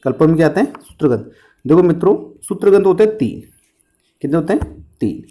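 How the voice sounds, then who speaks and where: A man's voice: a little high, big pitch swings, fast, mellow. A man teaching an exam-prep history lesson, asking questions and answering them himself, with memory tricks and jokes.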